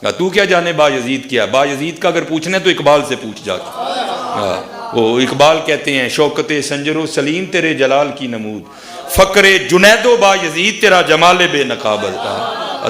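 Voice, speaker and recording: A man's voice: a little high, reverberant. A man, ranting like a preacher and taunting a rival with challenges. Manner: taunting, rising to shouted challenges. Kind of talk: combative sermon-style rant.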